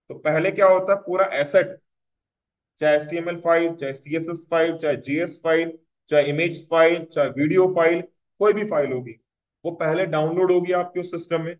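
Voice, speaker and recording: A man teaching a casual web development tutorial, talking conversationally and often checking "clear?" with his students. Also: sits high, highs cut off.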